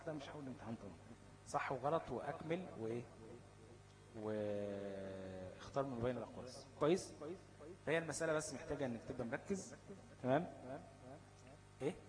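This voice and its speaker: Fast-talking Egyptian male teacher. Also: medium pitch, poor audio. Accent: Egyptian Arabic. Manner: asks the class questions and answers them himself; checks in constantly with "okay?". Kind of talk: classroom lesson on Quran recitation rules.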